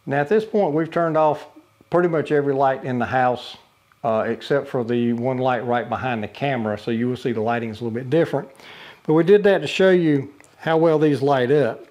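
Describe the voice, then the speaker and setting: An older man with a medium-pitched, slightly mellow voice speaks briskly while reviewing a camping lantern. The casual demo takes place indoors in his living room against a brick wall, and his plain speech is full of uhs and restarts.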